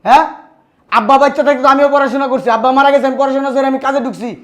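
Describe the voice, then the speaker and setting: A harsh older brother, played by a man, who scolds dismissively. His voice sits fairly high and moves at a brisk clip. He sounds bossy and contemptuous throughout. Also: fairly even intonation, a bit bright.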